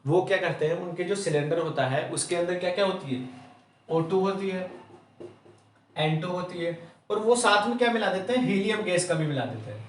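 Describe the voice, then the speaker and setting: A man's voice: sits high, normal speed, slight background noise. A male chemistry teacher from Rajasthan, giving a classroom lecture, asking rhetorical questions and answering them himself, ending almost every point with "theek hai". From Rajasthan, India. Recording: roomy echo, mic at a distance.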